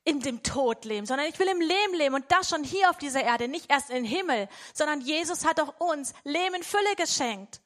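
A woman's voice: high-pitched, lively intonation, brisk, few pauses, a bit bright. A woman voicing the inner spirit as an eager voice that longs to grow and live fully. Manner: eager, pleading.

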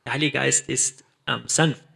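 A man's voice: mid-range voice, steady tone, moderate pace, gravelly, bright, forceful tone. A man interpreting a sermon line by line, mirroring the preacher's delivery with some hesitations and self-corrections.

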